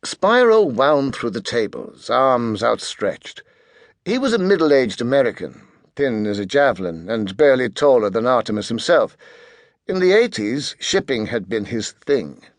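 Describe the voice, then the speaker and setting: A male audiobook narrator with an animated, expressive delivery that rises and falls through the story. His voice sits at an ordinary middle pitch and is recorded dry and close. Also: unhurried, no room sound. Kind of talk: scripted narration.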